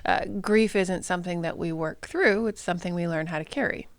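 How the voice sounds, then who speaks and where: A woman's voice: lowish voice, a little fast, clean tone, no echo. A woman speaking as a therapist guest in a casual podcast interview, telling stories and laughing often. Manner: warm storytelling, laughs often.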